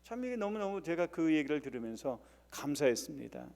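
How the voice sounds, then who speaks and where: Pastor, male, earnest sermon delivery with drawn-out emphasis; higher-pitched, warm tone. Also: sing-song, big-room sound. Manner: earnest preaching with rising emphasis and drawn-out words; frequent "eo" fillers and restarts. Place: church sanctuary.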